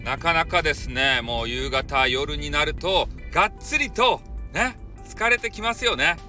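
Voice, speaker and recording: A man's voice: on the high side, measured pace, sharp tone, faint music behind. A man with a Hakata dialect, chatting casually and jokingly as the host of a solo podcast. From Fukuoka, Japan. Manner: chatty, jokey, mixes dialect into polite speech.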